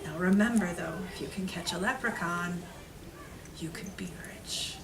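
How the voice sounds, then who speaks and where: A woman whose voice runs lowish tells stories to young children at an elementary school, speaking at a moderate pace. She repeats simple phrases and adds dramatic emphasis, heard through a distant mic over a noisy room.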